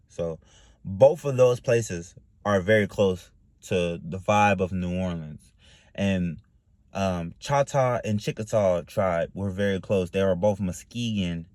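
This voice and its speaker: Talking to camera in a loose, rambling monologue, a male vlogger from Dayton, Ohio, US fills his speech with fillers and "you know what I mean." His voice sits on the low side, with no echo in the sound.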